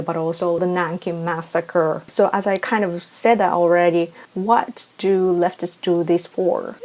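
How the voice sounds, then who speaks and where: A woman from Japan with a Japanese accent, hosting a vlog and keeping her voice quiet and toned down as if late at night. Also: fairly low pitch. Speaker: vlog host. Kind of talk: talking to camera, opinion commentary.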